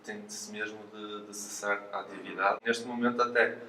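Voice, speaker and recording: Recorded from a distance in an echoey room with faint noise, a physiotherapist with a European Portuguese accent explains things during an interview, hesitating and repeating words. He speaks at normal speed in a lowish, steady voice that sounds pushed and bright.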